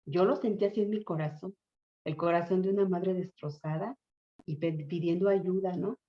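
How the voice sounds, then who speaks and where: A woman's voice: lowish voice, fairly even intonation, normal speed. A middle-aged woman pastor telling an emotional testimony in a sermon, earnest and heartfelt. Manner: earnest, emotional storytelling with acted quotes. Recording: muffled lo-fi church recording.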